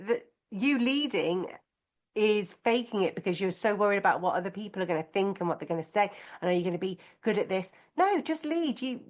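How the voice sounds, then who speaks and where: Middle-aged female co-host, mid-range voice, lively and emphatic storyteller. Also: medium pitch. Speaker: podcast co-host. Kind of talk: casual chat.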